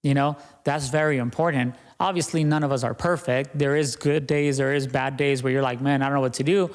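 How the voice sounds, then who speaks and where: A man's voice: mid-range voice, steady tone, a little fast. Earnest young man, reverberant room. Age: young adult. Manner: earnest, repeats "right?" and "you know". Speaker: guest, business owner. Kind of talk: podcast interview.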